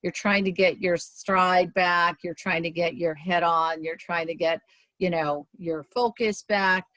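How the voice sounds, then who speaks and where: A woman giving a conversational presentation to a community meeting over a video call, often checking in with "right?" and filling pauses with "um". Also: fairly low pitch, fairly even intonation, a bit bright, dry recording. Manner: chatty, tags points with "right?" and fills with "um".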